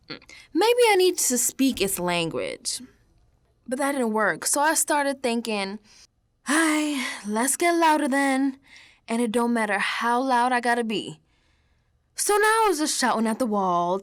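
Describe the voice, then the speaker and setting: Her pitch fairly high, a young-adult actress portrays a defiant, troubled American woman who is unravelling. It's a radio-drama monologue in which she confides her story, shifting from hushed to emphatic.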